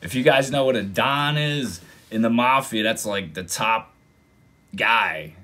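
A man hosting a reaction video, casually commenting and getting excited, sometimes exclaiming loudly. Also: mid-range voice, a little slow. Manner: excitable, exclaims and breaks into mock voices.

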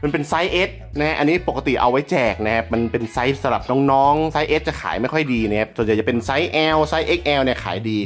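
A man hosting a casual vlog from around a house, excitable and joking, swearing freely and talking straight to his viewers. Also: medium pitch, quick pace, hardly any pauses, faint music behind. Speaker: YouTube host.

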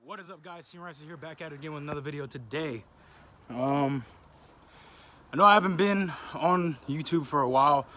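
A man's voice: on the high side, a little fast, sharp tone, a little hiss or hum. A man hosting a car vlog, talking casually with lots of slang and swearing. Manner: casual, profane, laid-back slang. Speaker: vlogger, car channel host.

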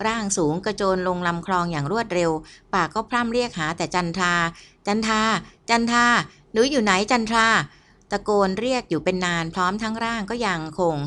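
Female audiobook narrator, steady mid-pitched voice, gentle measured reading. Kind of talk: scripted novel narration.

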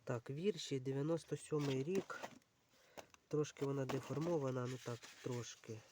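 Sifting casually through a heap of books, a book vlogger speaks at medium pitch and moderate pace over background noise. He muses aloud without hurry, leaning on plenty of fillers and calling his viewers friends.

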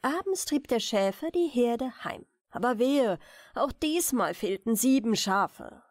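A woman storyteller narrating a German fairy tale in a measured, expressive bedtime manner. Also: a little high, dry recording, studio quality.

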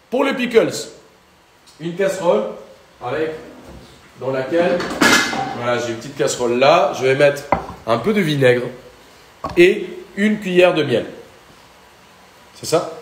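Young Colombian-accented male chef, bit high-pitched, jokes with viewers live from a roomy kitchen. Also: background noise. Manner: chatty and joking, talks to viewers. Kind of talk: live cooking demonstration.

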